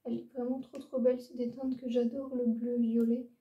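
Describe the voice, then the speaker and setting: A woman's voice: on the high side, flat delivery, brisk, highs cut off. A young woman showing her makeup palettes in a casual, hesitant chat, full of fillers and repeated words. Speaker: beauty vlogger. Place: room lit by a ring light. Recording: roomy echo, a bit far from the mic.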